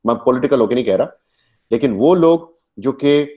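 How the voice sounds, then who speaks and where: A middle-aged man with a Pakistani accent teaches an online class, switching between his own language and English. His voice is dark and mellow at an ordinary pitch, and he grows animated, drawing out example sentences slowly to show stress and rising and falling tones. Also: muffled recording. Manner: animated, demonstrates stress and intonation in slow drawn-out example sentences. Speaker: lecturer. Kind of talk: online lecture mixing Urdu and English.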